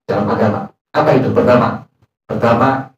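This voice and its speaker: Joking preacher in echoey hall. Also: male voice, medium pitch, steady tone, a little fast, muffled recording. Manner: humorous, colloquial storytelling with Arabic recitation. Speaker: religious teacher. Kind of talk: sermon. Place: prayer hall. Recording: very echoey, far from mic.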